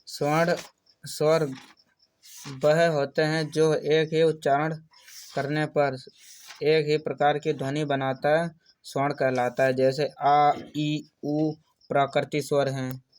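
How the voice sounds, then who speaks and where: A man's voice: on the high side, little pitch movement, a little mellow. A man teaching an exam-prep lesson, reading out terms one at a time in a list-like way. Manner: slow, list-like delivery of terms.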